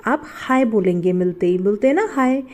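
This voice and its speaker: A woman's voice: mid-range voice, lively intonation, normal speed, darkish tone. A woman teaching a beginner English lesson, spelling out words, asking what they are read as and patiently repeating each answer. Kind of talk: step-by-step spelling and pronunciation lesson.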